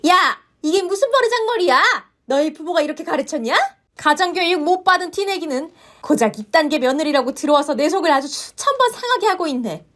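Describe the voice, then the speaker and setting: A woman's voice: sits high, expressive, fairly quick. A woman voicing a domineering old mother-in-law. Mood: furious. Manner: harsh, contemptuous, shouting reproaches. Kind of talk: story narration with voiced roles.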